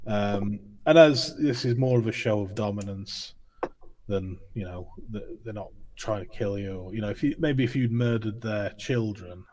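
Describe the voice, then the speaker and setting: A man running a tabletop role-playing game as game master, explaining rules at an unhurried pace with many fillers. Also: on the low side, a little mellow.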